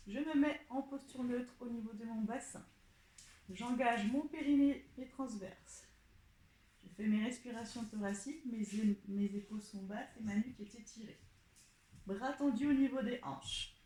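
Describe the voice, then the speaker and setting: Slow-cueing pilates instructor woman, echoey room. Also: fairly high pitch. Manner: calm step-by-step cueing of breath and movement. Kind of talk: guiding an exercise class.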